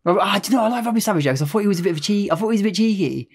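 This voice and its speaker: A man's voice: high voice, expressive, very fast, slightly rough. A young man as a podcast guest, laid-back and joking, with blunt opinions. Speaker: podcast guest, game content creator. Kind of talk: casual podcast interview.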